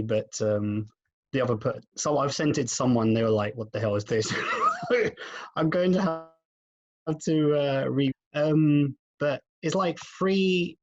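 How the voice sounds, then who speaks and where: A man on a group video call, his audio glitching and cutting out over a weak connection, talking in a halting, candid way. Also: medium pitch, a little mellow, lo-fi sound. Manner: halting and candid, with frequent restarts. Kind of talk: casual video call check-in.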